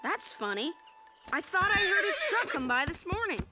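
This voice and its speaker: Very high, lively casual boy voiced by a woman. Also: normal speed, over loud music. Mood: grumbling. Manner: casual, laid-back, slightly grumbling. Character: easygoing teenage boy at a horse stable. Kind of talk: animated series voice acting.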